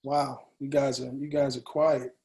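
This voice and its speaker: Slow, deliberate man leading a discussion. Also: mid-range voice, little pitch movement, a little mellow. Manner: slow, deliberate, many pauses and fillers. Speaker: discussion leader. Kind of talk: book discussion over video call. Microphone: video call.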